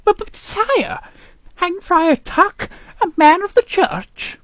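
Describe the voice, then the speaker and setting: A woman's voice: extremely high pitch, animated, takes it slowly, dry recording, muffled recording, heavily acted. A woman doing a cartoon impression of a fussy, fawning male snake advisor with a hissing, sibilant, pompous delivery. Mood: flustered, indignant.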